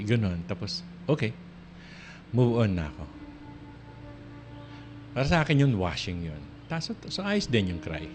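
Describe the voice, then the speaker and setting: Rambling male radio host over music. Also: mid-range voice. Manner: rambling and conversational, with frequent restarts and soft laughs. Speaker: radio talk show host. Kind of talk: casual on-air monologue. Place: radio studio. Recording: radio broadcast with music playing underneath.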